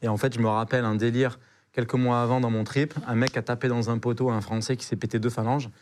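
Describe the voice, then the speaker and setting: A man's voice: medium pitch, flat delivery, quick pace, darkish tone, slight background noise. A young man, a podcast guest, telling an adventure story in a casual, slangy way, with lots of hesitations and repeated words.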